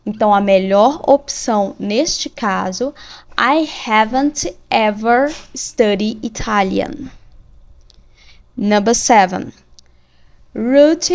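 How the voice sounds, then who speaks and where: A woman teaching English grammar, explaining exercises slowly and reading the example sentences with care. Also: fairly high pitch. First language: Portuguese. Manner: slow, careful, reads examples deliberately.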